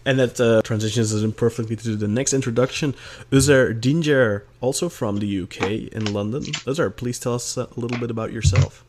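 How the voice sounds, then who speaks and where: A man's voice: mid-range voice, a little fast, a little mellow, slight background noise. A man of thirty from Belgium, hosting a football podcast in an upbeat, organized way. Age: 30s. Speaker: podcast host. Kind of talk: casual chat.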